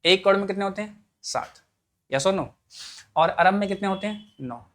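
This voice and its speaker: A male teacher runs a spoken-English class, asking his students one quick question after another. His voice sits a little high for a man, and his casual, joking manner keeps the lesson light. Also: fairly bright tone. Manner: drills students with repeated questions like "yes or no?"; joking and colloquial.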